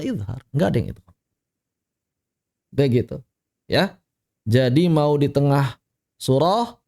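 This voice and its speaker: A man's voice: mid-range voice, vocal fry, mellow. A man teaching Quran recitation rules in an online class, patiently repeating each rule and reciting examples. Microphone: online class audio.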